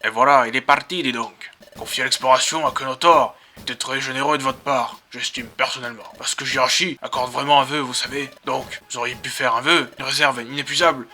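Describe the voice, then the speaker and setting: Video game voice: male let's-player as a fawning apprentice Pokémon, bright and sharp. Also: mid-range voice, steady tone, brisk, hardly any pauses. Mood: muttering. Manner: chatty, fawning. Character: admiring guild apprentice Pokémon.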